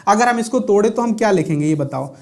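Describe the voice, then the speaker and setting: A man's voice: high voice, lively intonation, fast talker. Man teaching a grammar class. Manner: repeats key terms as questions to students.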